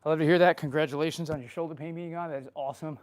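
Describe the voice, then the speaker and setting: Out of breath while working out at home, a man answers live chat questions in a slightly high, a little mellow voice with fairly even intonation. He talks rapid-fire, casually and profanely, swearing freely and laughing often.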